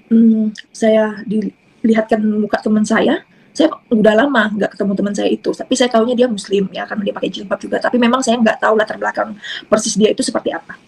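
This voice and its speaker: A woman from South Sulawesi with a Bugis accent, giving a halting, unhurried personal testimony. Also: medium pitch, steady tone, vocal fry, husky, poor audio.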